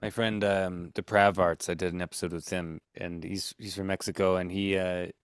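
A man's voice: deep voice, little pitch movement, moderate pace, clean tone, dry recording, studio quality. A man hosting a podcast, talking in a rambling casual way full of "like" and "you know". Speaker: podcast host. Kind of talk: casual interview chat.

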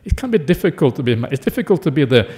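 The voice here is on the high side and very fast: a middle-aged monk, born in Norway, delivering a laid-back Dharma talk. His speech is full of "uh" fillers and he keeps checking in with "yeah?"

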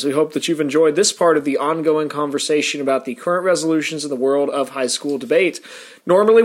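A man with a somewhat high voice hosts a talk podcast. He interviews a guest casually and then wraps up the show, tripping over and repeating words as he gets going. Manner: halting, repeats words when starting sentences. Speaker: podcast host.

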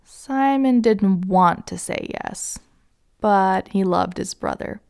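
A woman narrating a children's story gently and asking the young listener questions. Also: medium pitch, slow, vocal fry, clear, resonant tone.

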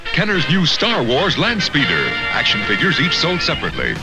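A man's voice: a little high, wildly swooping pitch, brisk. A man announcing a vintage toy commercial as the sales voice-over. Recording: old TV advert with music.

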